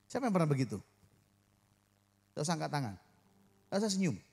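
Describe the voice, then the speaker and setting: A man's voice: on the high side, very animated, fast, gravelly, a little mellow. A man preaching a sermon as pastor to his church, joking with the congregation and acting out quoted voices.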